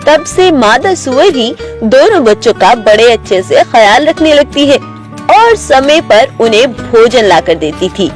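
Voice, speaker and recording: A woman narrating an animated children's story in a storybook manner. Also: fairly high pitch, faint music behind. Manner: slow, storybook telling.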